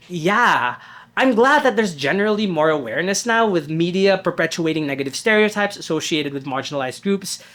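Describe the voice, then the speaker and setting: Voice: medium pitch, fairly bright tone. A narrator reading a scripted video essay in a conversational tone with wry asides.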